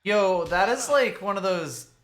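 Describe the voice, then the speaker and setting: A mid-pitched, bright voice with lots of melodic movement, joking casually over a video game. The delivery is wry and playful. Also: animated, a little slow. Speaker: video game let's play commentator.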